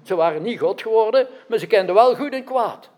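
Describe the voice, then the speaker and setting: High-voiced preacher quizzing his listeners. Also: animated, a little fast, a little mellow. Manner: questions the audience, adds frequent "right?" checks. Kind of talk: interactive sermon.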